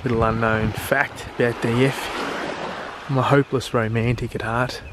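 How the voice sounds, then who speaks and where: A man's voice: mid-range voice, flat delivery, moderate pace, noisy background. An Australian man talking casually on a travel vlog, blunt and crude, swearing freely and joking about himself. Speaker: travel vlogger.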